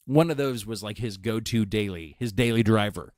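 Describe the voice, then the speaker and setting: A man's voice: moderate pace, no echo, studio quality. A man co-hosting a casual podcast chat, telling stories with lots of energy and acting out what others said. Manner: animated storyteller, acts out quotes in a high excited voice. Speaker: podcast co-host.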